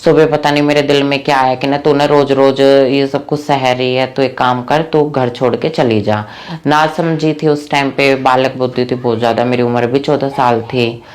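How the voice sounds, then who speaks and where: A young adult interviewee from Rohtak, Haryana, India, shares her life story on camera with plain earnestness and frequent fillers. Her very deep voice stays steady and a little mellow at a normal speed.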